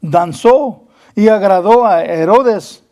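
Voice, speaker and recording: A man's voice: high-pitched, takes it slowly, dark tone. A man preaching a Bible study sermon as pastor, earnest, repeating words and acting out quoted dialogue, slipping between Spanish and English.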